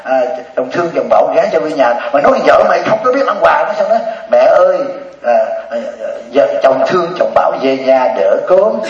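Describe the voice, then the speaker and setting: Monk cracking jokes in a sermon, kinda high voice, far off mic in a boomy hall. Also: male voice, very animated, brisk, faint music behind. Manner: jokey, laughs often, asks audience. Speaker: Buddhist monk teacher. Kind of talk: humorous dharma talk. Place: hall before an audience. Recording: echoey distant lo-fi hall recording.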